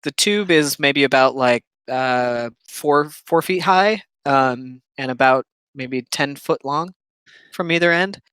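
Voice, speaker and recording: A man narrating as game master of a tabletop game, halting now and then with fillers as he describes the scene. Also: medium pitch, smooth, no echo. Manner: relaxed, halting narration with many ums.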